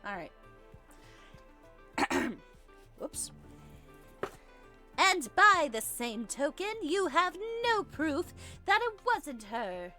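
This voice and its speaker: Her high voice swings widely in pitch, stretching words out and pausing often, with a pushed, bright quality. She's playing a video game and dramatically voicing the characters' dialogue for fun, over the game's music.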